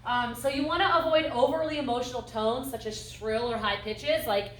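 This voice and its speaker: A woman instructor giving a calm, explanatory lecture on horses, acting out voice tones as she goes. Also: fairly high pitch, normal speed. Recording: echoey room, mic at a distance.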